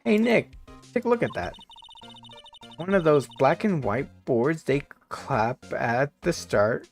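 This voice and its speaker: A man voicing a cheerful, excitable young woman who gushes over everything around her, with faint game music behind. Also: on the high side, slow. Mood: excited. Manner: bubbly, gushing, easily thrilled.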